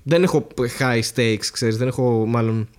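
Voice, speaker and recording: Χαλαρός Έλληνας άντρας, ειρωνικός. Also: male voice, medium pitch, darkish tone, clean tone. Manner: laid-back, wry, hesitant. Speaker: podcast co-host. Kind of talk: casual chat.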